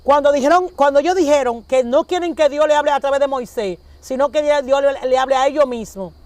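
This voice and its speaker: A woman preaches in a lively, conversational way, slipping in and out of little acted exchanges. Her voice sits very high, and the recording is dry and close. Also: brisk, no echo. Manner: animated, acts out dialogues with shifting voices.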